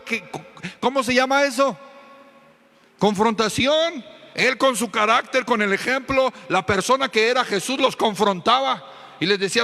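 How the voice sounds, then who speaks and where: A man's voice: high voice, pushed and bright, long reverb tail. A man preaching a sermon as pastor, emphatic and confrontational, calling out to the congregation for responses. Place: church sanctuary.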